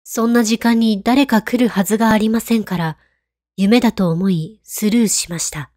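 Hushed, mellow woman telling ghost stories. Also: mid-range voice, moderate pace, no room sound, studio quality. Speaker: ghost story narrator. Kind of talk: scripted horror story narration.

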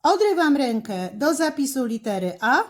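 Lady teacher narrating handwriting strokes step by step, kinda high voice, slow and careful. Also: big pitch swings. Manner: slow, careful, instructive, with fillers. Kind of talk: handwriting lesson with step-by-step commentary.

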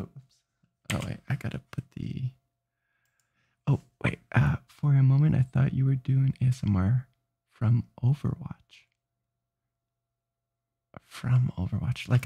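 A man's voice: medium pitch, gravelly, warm tone, husky. A sleepy man streaming late at night, rambling and restarting his sentences as he chats. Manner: rambling, self-interrupting, tired.

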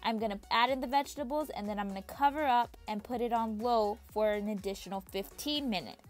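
Woman, fairly high voice, cooking tutorial voice-over, friendly step-by-step instructions, faint music underneath. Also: a little fast. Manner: friendly, repetitive instructions addressed to viewers. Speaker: home cook and channel host.

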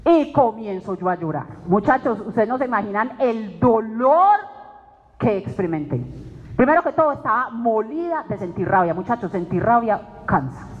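A woman's voice: a little high, expressive, moderate pace. A woman giving an emotional testimony sermon to a faith group, telling her story dramatically and acting out her own words. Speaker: speaker at a weekly faith meeting. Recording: dull recording in a reverberant hall.

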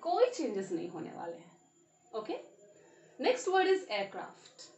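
A woman's voice: fairly high pitch, very animated, unhurried, a little mellow, reverberant, recorded from a distance, slight background noise. A woman teaching English grammar with an Indian accent, mixing Hindi and English, spelling words out letter by letter and quizzing her listeners. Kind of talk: grammar lesson.

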